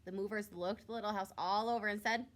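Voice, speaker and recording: A woman reading a picture book aloud to young children, expressively, drawing out words for emphasis like a teacher. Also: medium pitch. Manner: expressive, with drawn-out emphasis and questions to listeners.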